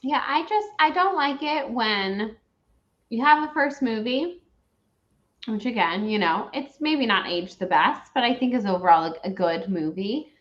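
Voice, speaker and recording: In a dull lo-fi recording, the host of a movie review show gives a rambling, opinionated, emphatic rant about films. Her voice is a little high, expressive, and a bit slow.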